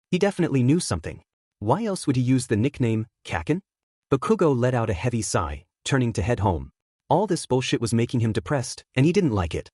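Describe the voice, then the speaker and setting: A man's voice: medium pitch, a little mellow, no room sound. Man narrating a story, dry sound. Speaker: fan fiction narrator. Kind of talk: scripted story narration with read-out dialogue.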